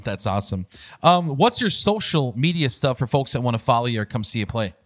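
Upbeat male host, animated pitch, casual interviewer. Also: brisk. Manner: enthusiastic, praising. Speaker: podcast host.

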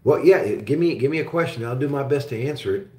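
A man's voice: medium pitch, quick pace, darkish tone. A man from Germany who grew up in Oklahoma, hosting a live call-in show about metals and resource stocks, chatting casually with lots of fillers and restarts. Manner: rambling, with frequent fillers and restarts. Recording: roomy echo.

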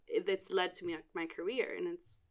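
A woman's voice: fairly low pitch, steady tone, normal speed. A young woman in her twenties, from Miami and born in Cuba, talks casually as a podcast guest. She rambles through her memories, filling the gaps with "like" and restarting her sentences as she goes. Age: 20s. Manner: chatty and rambling, with frequent "like" fillers. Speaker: podcast guest, art director. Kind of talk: casual chat.

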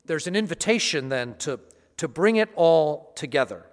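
Priest in a long cathedral echo. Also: male voice, a little high, lively intonation, normal speed. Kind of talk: liturgical reading and homily. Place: large reverberant church during Mass.

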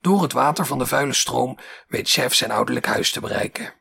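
A man narrates a documentary in a scripted, even delivery. His voice is very raspy and gravelly, with a sharp, bright edge. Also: mid-range voice, brisk.

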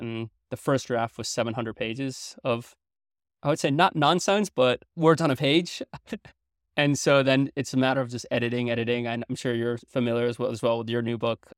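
Here a native French speaker from Belgium, a young man, chats as an interview guest, explaining things earnestly in a casual way riddled with fillers and false starts. His pitch is medium; the studio audio is clean with no room sound.

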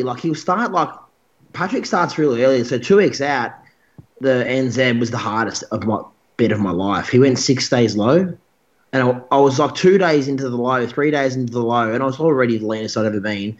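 A man's voice: mid-range voice, normal speed, dull audio. A young man telling a long story as a guest in a casual interview, rambling and restarting his sentences. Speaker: guest bodybuilder.

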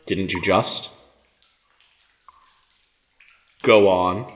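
In an audio drama, an actor voices a stern, battle-hardened rebel commander, measured and commanding, with anger simmering under control. His voice is male, low, and steady in tone.

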